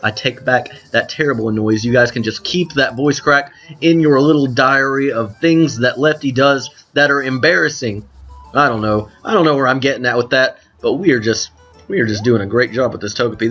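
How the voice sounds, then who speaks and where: With a medium-pitched, fairly bright voice, a man hosts a let's play of a drawing game. His casual commentary rambles through self-correcting asides to viewers, and his voice cracks from time to time.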